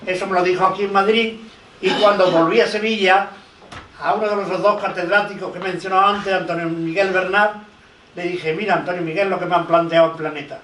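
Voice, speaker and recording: High-voiced older man in echoey hall. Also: fairly even intonation, brisk, pushed and bright, a little hiss or hum. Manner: anecdotal storyteller, quoting dialogue. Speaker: lawyer and researcher speaking on a panel. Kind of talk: conference talk. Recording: echoey hall, distant mic.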